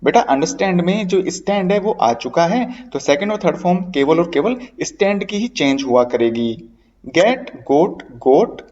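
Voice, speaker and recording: A man's voice: high-pitched, lively intonation, moderate pace, hardly any pauses, darkish tone. A man teaching a grammar lesson, chanting word forms in a rhythmic sing-song and addressing students fondly. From India. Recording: dull audio from a distance.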